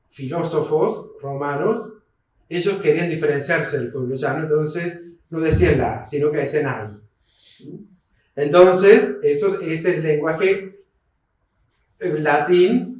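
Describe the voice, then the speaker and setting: A man with an Argentine accent giving a seminar lecture. He explains terms slowly, spells them out syllable by syllable and checks in with listeners through short tags. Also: a little high, a little mellow. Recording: very echoey hall, mic far off.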